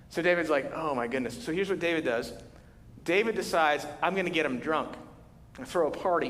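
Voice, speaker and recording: A man preaching a sermon as pastor, telling the story with lively, conversational energy and acting out the quotes. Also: high-pitched. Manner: animated storytelling, acts out quotes. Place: large church hall. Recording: reverberant church hall.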